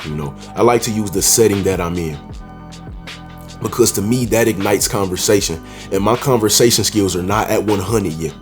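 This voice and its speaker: A man's voice: on the low side, moderate pace, soft background music. A man talking casually to camera, giving dating advice in a confident, slangy way and often calling the listener "bro". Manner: confident, emphatic.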